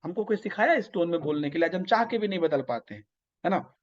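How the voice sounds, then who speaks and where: High-voiced teacher with eastern Hindi-belt accent. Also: male voice, animated, fast. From north India. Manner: explanatory, keeps checking in with listeners. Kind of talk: online exam-prep lecture. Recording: slightly dull lo-fi audio.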